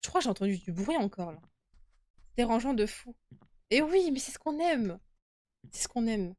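Young woman, scared horror game streamer, high-pitched, casual chat with viewers, close dry mic. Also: sing-song, moderate pace, darkish tone, no room sound. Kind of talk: casual live game commentary, chatting with viewers. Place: indoor room at home.

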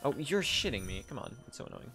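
A young man streaming a speedrun, talking to his chat in an excitable, pleading way. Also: mid-range voice, fast, music in the background. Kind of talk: live-streamed game commentary.

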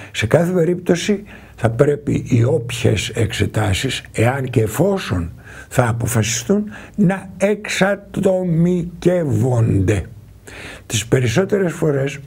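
Very husky gravelly male doctor. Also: medium pitch, mellow. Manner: measured, explanatory, addresses viewers directly. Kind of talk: explanatory health talk to viewers.

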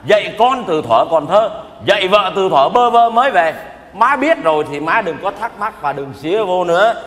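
A man's voice: high-pitched, animated, moderate pace, fairly bright tone. An actor playing a boastful aging overseas husband, lecturing his family in a live stage comedy. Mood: blustering. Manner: blustering, lecturing, self-justifying. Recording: live stage, hall reverb, audience noise.

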